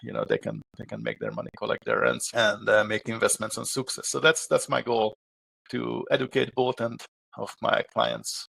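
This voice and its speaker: A middle-aged man from Hungary with a Hungarian accent, answering interview questions as a property manager, with halting speech and many filler pauses. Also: mid-range voice, fairly even intonation, vocal fry, fairly bright tone, breathy edge, no echo.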